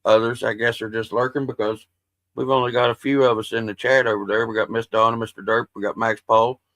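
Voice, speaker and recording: On a livestream, a man chats casually with his viewers, rambling and swearing in a flat, medium-pitched voice with a fairly bright tone. He speaks a little fast and calls his own voice soothing. There's no echo.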